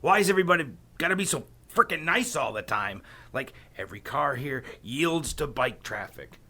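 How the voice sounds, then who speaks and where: A man's voice: on the high side, animated, normal speed, sharp tone, husky, exaggerated voice. A man playing War, a scheming horseman of the apocalypse, blunt and prodding, in a naturalistic radio comedy. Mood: exasperated.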